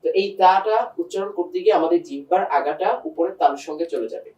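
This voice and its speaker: A man's voice: sits high, fast talker, darkish tone, dull audio. A man teaching a step-by-step pronunciation lesson for reading the Quran. He patiently repeats each letter sound and speaks straight to a student and to the viewers. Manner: addresses a student and the viewers directly. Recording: roomy sound, voice from a distance.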